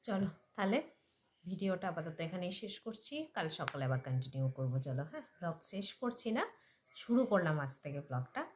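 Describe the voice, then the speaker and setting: A woman's voice: fairly low pitch, sing-song, moderate pace, noisy background. A woman, a mother chatting casually to viewers in a home vlog and often checking in with them. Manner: chatty, addresses viewers with frequent check-ins. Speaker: family vlogger and mother.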